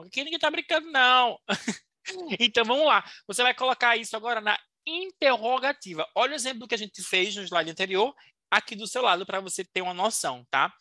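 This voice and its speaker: A woman teaching a recorded English lesson in a playful, teasing, encouraging way, slowly modeling English phrases for learners to repeat. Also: mid-range voice, pushed and bright, no room sound.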